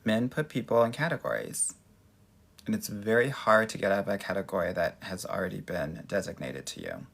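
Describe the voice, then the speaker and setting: A man's voice: on the low side, sing-song, a little fast, gravelly, a bit bright. An American man from Los Angeles hosting a casual livestream, chatting with sassy, effusive, girly best-friend familiarity as he answers viewers. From Los Angeles, United States. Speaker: dating coach and livestream host.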